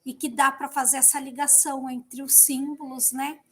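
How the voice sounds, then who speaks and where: A woman's voice: sits high, level tone, normal speed. A Brazilian woman teacher chatting thoughtfully on a video call, with frequent tag questions. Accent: Brazilian Portuguese. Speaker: teacher, workshop participant. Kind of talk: online workshop discussion.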